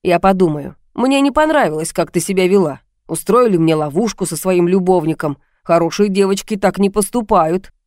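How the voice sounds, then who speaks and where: A mocking, menacing male blackmailer talks down to his victim, calling her baby with cold condescension, as a woman reads him in an audiobook. The voice sits low and the recording is close and dry, with no room sound. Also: expressive, normal speed, few pauses, a little mellow, no echo, lightly acted. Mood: sneering. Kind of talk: audiobook reading.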